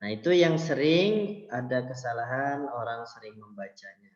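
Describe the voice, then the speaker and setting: A man gives a tajwid lesson on reciting the Quran, explaining patiently, addressing his listeners as children, and chanting verses in between. His medium-pitched voice is expressive and darkish at a normal pace, and the recording sounds roomy, dull and lo-fi.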